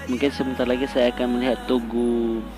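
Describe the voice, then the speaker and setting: A man's voice: mid-range voice, little pitch movement, brisk, over music. A man chats casually for a vlog from inside a full-face helmet as he rides a motorcycle. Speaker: motovlogger. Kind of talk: casual vlog chat while riding.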